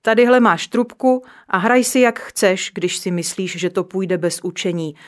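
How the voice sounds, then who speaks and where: A woman doing a calm lecturing dwarf musician. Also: mid-range voice, natural voice. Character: patient grown-up male dwarf musician. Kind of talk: storybook reading.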